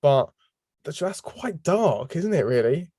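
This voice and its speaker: Casting: animated male podcast co-host, chatty and giggly, dry studio sound. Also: on the high side, slow, slightly rough, no echo. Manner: chatty, laughs often. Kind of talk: casual chat.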